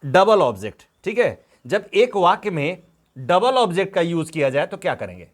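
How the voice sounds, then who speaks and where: A man's voice: high voice, sing-song, normal speed. A man teaching a grammar lesson, patiently dictating examples word by word and asking the students questions. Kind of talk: grammar lesson, explaining step by step.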